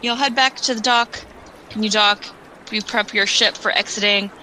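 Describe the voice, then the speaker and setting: A woman's voice: medium pitch, fairly even intonation, moderate pace, bright, forceful tone, a little hiss or hum, poor audio. A woman running a tabletop game, narrating casually and loosely with restarts. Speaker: game master.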